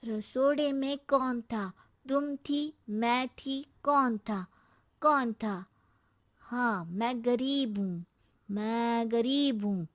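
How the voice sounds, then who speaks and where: Woman as a slow-drawling cheeky cartoon schoolboy. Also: on the high side. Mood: playful. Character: cheeky, lazy young schoolboy, the son. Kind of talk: animated children's comedy story.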